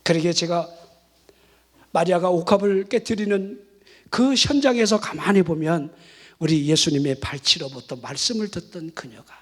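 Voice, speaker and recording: A male pastor preaching a lively sermon at a night worship service, rousing the congregation with rhetorical questions and shouted responses. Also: sits high, moderate pace. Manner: animated, exhorting with rhetorical questions.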